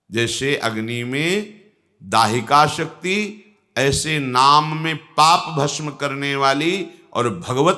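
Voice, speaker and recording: An older man, a spiritual teacher, gives a slow, measured devotional discourse, his tone rising when he quotes scripture. His voice is mid-range, bright and forceful.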